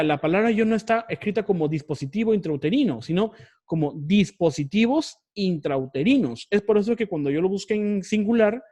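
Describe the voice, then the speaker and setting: A man's voice: on the high side, a little mellow. A man teaching an online research class, explaining step by step and often repeating or correcting himself.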